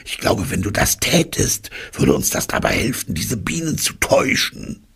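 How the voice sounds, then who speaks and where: A man voicing a naive, thoughtful, honey-loving male bear in an audiobook, musing slowly and earnestly. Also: fairly low pitch, very animated, a bit bright, pitched above the performer's own voice, full character voice. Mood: scheming. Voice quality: gravelly, husky. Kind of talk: audiobook character reading.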